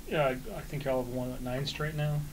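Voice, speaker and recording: A man's voice: medium pitch, little pitch movement, fairly quick, background noise. A man, a reporter asking chatty, informal questions at a press conference.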